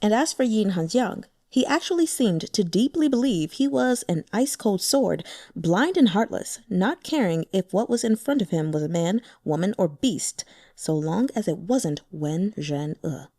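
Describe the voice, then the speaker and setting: Recorded close on a dry mic with no room sound, this woman narrates a translated fantasy novel as an audiobook reader. Her mid-range voice is mellow and warm, her pace a little slow, and she brings the characters to life with their own voices and varied, lively intonation.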